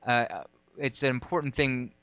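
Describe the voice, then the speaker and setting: Bright, clear-voiced man in casual chat. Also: mid-range voice, fairly even intonation, measured pace, no room sound. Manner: rambling, digressive, lots of fillers. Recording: lo-fi audio.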